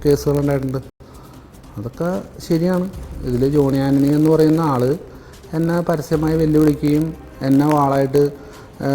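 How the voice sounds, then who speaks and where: A man's voice: on the high side, dark tone, slight background noise. Defensive man. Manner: defensive, rambling, asks questions back. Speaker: interviewee. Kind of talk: phone-in news interview.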